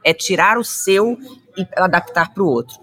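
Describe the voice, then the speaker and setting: A woman's voice: on the low side, a little slow, fairly bright tone. A woman with a Brazilian Portuguese accent, a communication trainer guest in an interview, speaking directly and energetically, often addressing the listeners. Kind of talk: conversational interview.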